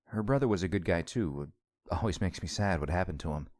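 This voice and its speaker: A man's voice: low voice, animated, fast talker, a little mellow, dry recording. A man voicing a polite, wary young man who keeps his talk carefully casual and respectful.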